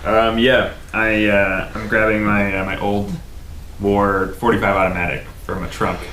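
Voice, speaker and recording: A man chatting casually as a player in a tabletop game, speaking haltingly. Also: on the low side, flat delivery, a bit bright. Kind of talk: casual chat. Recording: roomy echo, faint room noise.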